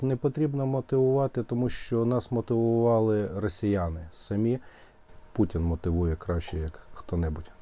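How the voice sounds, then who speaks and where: A man, a military commander, answering an interview question deliberately in short phrases with pauses. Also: on the low side, mellow.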